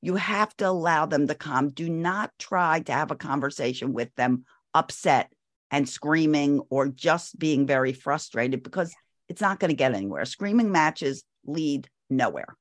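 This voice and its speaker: A woman's voice: low voice, measured pace, dry recording. A woman in her sixties, a parenting expert guest, giving firm advice and stressing her points by repeating them. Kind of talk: advice interview.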